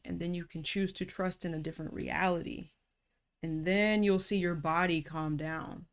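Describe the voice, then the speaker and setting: Woman coach with a lowish voice, calm and reflective, easy casual phrasing, talking through rest and surrender. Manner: calm, unhurried, slips into casual slang. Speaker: personality typology coach.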